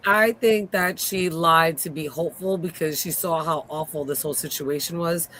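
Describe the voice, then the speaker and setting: A woman's voice: deep voice, normal speed, a bit bright, slight background noise. A woman co-hosting a live TV recap, talking bluntly and swearing freely as she gets heated. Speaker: co-host. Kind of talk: casual live TV recap chat.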